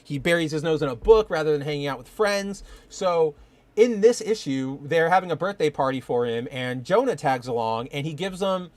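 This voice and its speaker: A man's voice: on the high side, lively intonation, normal speed, darkish tone, no echo. A young man hosting a casual live-streamed podcast, rambling and enthusiastic, full of fillers. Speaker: podcast host.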